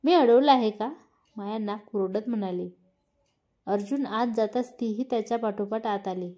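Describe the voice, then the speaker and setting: A woman with a Marathi accent reads a family romance story aloud in a fairly high, mellow voice. She lifts her pitch slightly when she speaks the characters' lines.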